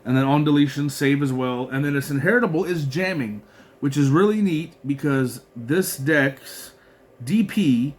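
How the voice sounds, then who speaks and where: A man who makes card game content gives a casual deck walkthrough in a mid-range voice. He rambles, leans heavily on fillers, and reads card text aloud with frequent restarts.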